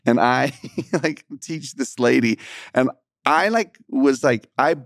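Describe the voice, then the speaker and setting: A man co-hosting a casual faith podcast, animated and joking, laughing often as he tells stories. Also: medium pitch, slow, gravelly, dry recording, clean studio sound. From Texas. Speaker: podcast co-host. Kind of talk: casual gospel podcast chat.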